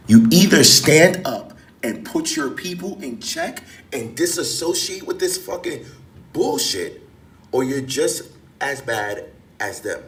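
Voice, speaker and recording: A man's voice: a little high, very animated, slow, fairly bright tone. A man delivering heated, profane commentary, emphatic and fired up. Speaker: online commentator. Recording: roomy, distant mic.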